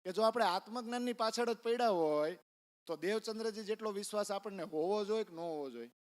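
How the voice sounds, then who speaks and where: A man's voice: high-pitched, fairly quick. A man giving a storytelling sermon in a temple, acting out the voices in the story. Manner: animated, acts out the voices in the story. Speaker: religious discourse speaker. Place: temple hall.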